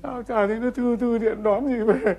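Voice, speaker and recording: Old country dad, high gravelly voice, wailing and accusing, comedy sketch. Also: male voice, lively intonation, quick pace, exaggerated voice. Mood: aggrieved. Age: older. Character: worried old rural father, loud and pleading.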